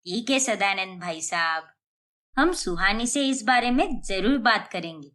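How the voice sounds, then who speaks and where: A woman's voice: medium pitch, expressive, a little slow, fairly bright tone. A woman voicing a polite, thoughtful middle-aged mother in a cartoon story.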